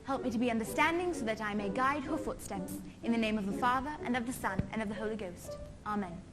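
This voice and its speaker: A woman's voice: a little high, quick pace, over music, lightly acted. A young woman playing a kind, cheerful governess. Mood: prayerful. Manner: soft and soothing in speech, bright yodeling in song. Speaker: stage musical actor. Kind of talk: stage musical acting and singing.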